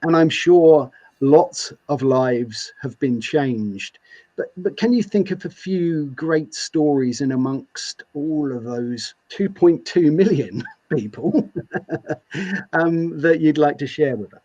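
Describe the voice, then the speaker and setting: Guy hosting a chat, kinda husky voice, dull lo-fi sound, keeps restarting his words. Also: fairly high pitch, animated, slow pace, warm tone. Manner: enthusiastic, repeats words when starting sentences. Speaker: podcast host. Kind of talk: interview conversation.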